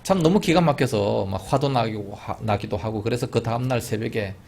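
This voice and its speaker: Gravelly male pastor telling a sermon story. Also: brisk, a little hiss or hum. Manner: storytelling, with large swings in pitch and loudness. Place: church sanctuary.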